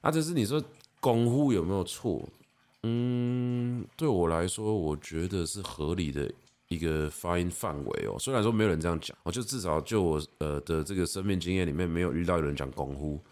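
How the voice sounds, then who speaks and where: A man in his thirties with a Taiwanese Mandarin accent, hosting a podcast and patiently explaining pronunciation, slowly demonstrating sounds. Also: deep voice, a little mellow. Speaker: podcast host. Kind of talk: casual explanatory monologue.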